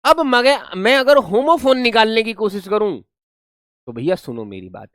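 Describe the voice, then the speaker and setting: His voice is high and swings widely in pitch, at a moderate pace with a fairly bright tone, in a dry studio recording. The man teaches English online in a Hindi-English mix, spelling words out letter by letter and scolding the class in a playful way.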